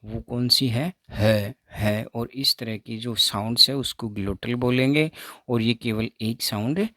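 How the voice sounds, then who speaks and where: A man teaching phonetics, repeating each sound slowly so students can say it with him. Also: mid-range voice, sharp tone, dry recording, clean studio sound. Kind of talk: explaining phonetics lesson.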